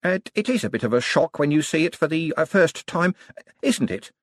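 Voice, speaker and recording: For an audiobook, a man plays a friendly, flustered young wizard scholar who is modest but bookish, hesitating and stammering with many ums. He pitches his slightly high, very animated voice above his own and speaks at normal speed, sounding friendly yet nervous. The studio sound is clean with no room sound.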